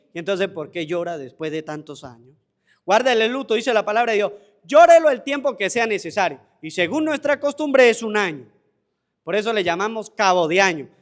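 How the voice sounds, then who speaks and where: A priest giving a homily at mass, with a Venezuelan Spanish accent, asking rhetorical questions and answering them himself, repeating phrases for emphasis. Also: male voice, sits high.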